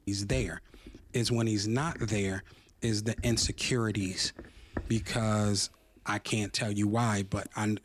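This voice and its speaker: A man speaking as an interview guest, calmly retelling events with fillers like "um". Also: fairly low pitch, a little hiss or hum. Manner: measured, gossipy retelling with fillers. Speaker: interview guest telling a story. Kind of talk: conversational storytelling.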